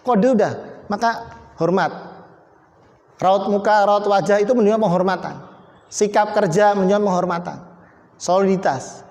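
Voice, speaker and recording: A fairly high-pitched man gives an emphatic motivational talk to a company team. He hammers on key words and teases people in the audience by name. His voice rings through a roomy hall with a long reverb tail. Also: darkish tone. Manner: emphatic, repeats key words, jokes with named audience members. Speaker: motivational speaker.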